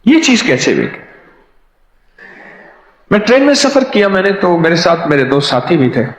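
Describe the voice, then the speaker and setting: A man's voice: sits high, sing-song. A man preaching a sermon through anecdotes, who acts out the other people in his stories. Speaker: spiritual preacher. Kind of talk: storytelling sermon. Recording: echoey hall, dull lo-fi sound.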